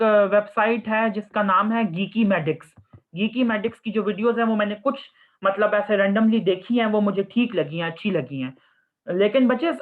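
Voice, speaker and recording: Over narrow, phone-like audio, a young surgery postgraduate resident with a high voice answers students' questions and gives casual advice. He speaks Hindi-Urdu sprinkled with English phrases, calls his listeners "children," and keeps repeating "ठीक है" (okay).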